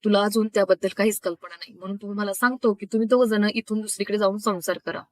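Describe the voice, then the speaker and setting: A woman's voice: mid-range voice, steady tone, fast talker, darkish tone, no echo, natural voice. A woman voicing a protective elder brother, serious and caring, giving earnest advice.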